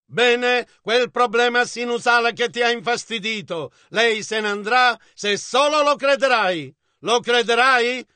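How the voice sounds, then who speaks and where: Very high, bright-voiced male dub narrator. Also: a little slow, smooth, dry recording. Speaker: interpreter voice-over. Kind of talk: Italian dubbing of a sermon.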